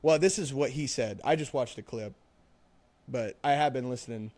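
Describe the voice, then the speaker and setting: A man's voice: mid-range voice, normal speed, darkish tone, no echo. A young man co-hosting a podcast in casual chat, rambling with lots of fillers and swearing. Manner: rambling, profane, full of fillers. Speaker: podcast co-host.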